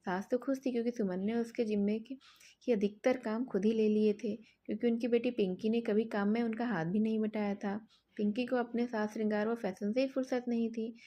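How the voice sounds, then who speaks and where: A woman narrating an audio story in a calm, steady reading voice. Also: a little high.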